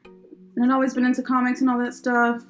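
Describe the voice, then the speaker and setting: A woman's voice: high-pitched, monotone, a little fast, soft background music, low-quality recording. A young woman co-hosting a podcast, chatting casually, rambling with lots of fillers and laughing often. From United States. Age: young adult. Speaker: podcast co-host. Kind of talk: casual chat.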